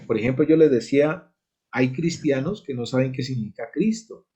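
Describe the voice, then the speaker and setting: A man's voice: medium pitch, normal speed, warm tone, dull audio, a little hiss or hum. A man with a Colombian Spanish accent teaching a church Bible study, explaining step by step and checking in with the class. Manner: explanatory, asks "¿sí?" to check understanding.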